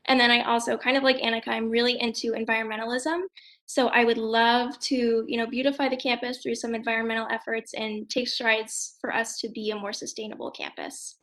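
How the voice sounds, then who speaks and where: A woman's voice: on the high side, flat delivery, brisk, fairly bright tone. A young woman student candidate closing her campaign speech in a casual way. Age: young adult.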